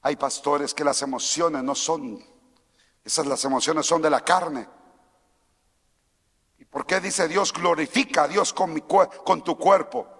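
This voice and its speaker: Man preaching loud in a big church, bright voice, echo tail on everything. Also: sits high, husky. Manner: swings from quiet teaching to shouted exhortation; mimics timid churchgoers in a small mocking voice. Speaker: pastor. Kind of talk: sermon. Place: church sanctuary.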